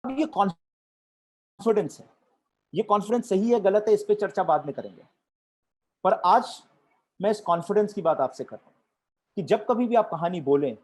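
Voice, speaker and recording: A man giving a corporate training talk on storytelling, deliberate and switching between Hindi and English. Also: high voice, expressive, a little mellow.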